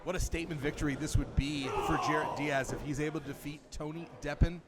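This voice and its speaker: A man's voice: on the high side, fairly even intonation, fast talker. A man calling live wrestling as a commentator, with a dramatic, wordy delivery. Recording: loud background noise at live event.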